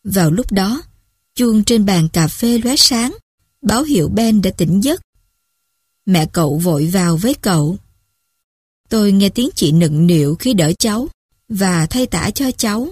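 A woman narrating stories in a calm, measured reading voice. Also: medium pitch, slightly rough, no echo, clean studio sound. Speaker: story reader. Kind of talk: storytelling narration.

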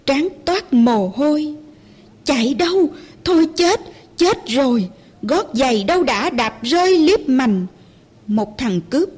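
A woman reciting poetry with measured, dramatic declamation. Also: sits high, a little mellow, husky.

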